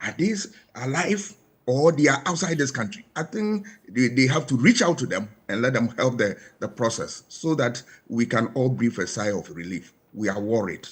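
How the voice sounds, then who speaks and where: Husky ghanaian man on a panel, swings his pitch all over, keeps firing rhetorical questions. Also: animated, moderate pace. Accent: Ghanaian English. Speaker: panel guest. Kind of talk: studio panel commentary.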